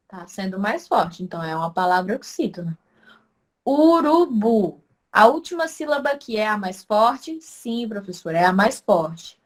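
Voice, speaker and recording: A woman teaching a language lesson online, explaining step by step, asking questions and answering them herself, and loudly stressing syllables to demonstrate. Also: mid-range voice.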